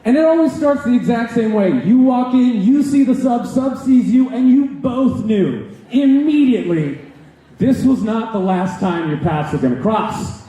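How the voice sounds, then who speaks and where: A young American man doing stand-up comedy into a stage mic, animated and full of rhetorical asides. His voice sits high and mellow and jumps around with lively pitch. It rings out through a very echoey hall. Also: normal speed.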